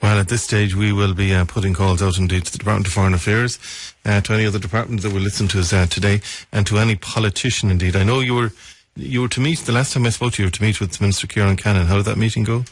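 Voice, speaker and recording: A man with an Irish accent and a husky voice hosting a live radio interview, phrasing his questions haltingly with repeated words. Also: on the low side, fairly even intonation, dry recording. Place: dry radio studio.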